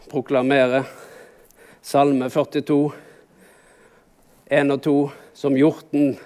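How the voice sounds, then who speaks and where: A man's voice: fairly high pitch, darkish tone, clear, resonant tone. A man preaching a sermon in a conversational way, with many rhetorical questions and rises for emphasis.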